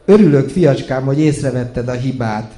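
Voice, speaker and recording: A man's voice: mid-range voice, lively intonation, warm tone, natural voice. A man reading out a kindly elderly aunt, talking in a fussing, raised voice. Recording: echoey room.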